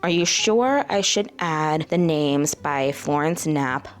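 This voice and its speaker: Woman, book vlogger, low-pitched voice, casual chatty talk, addresses viewers and her pendulum. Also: animated, slow, smooth. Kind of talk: casual vlog chat.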